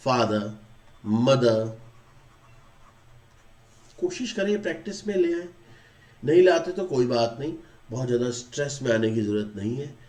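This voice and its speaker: A man with an Indian English accent teaching a speaking class. He switches between Hindi and English, slow and deliberate in English and rapid in Hindi. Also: medium pitch, darkish tone, reverberant.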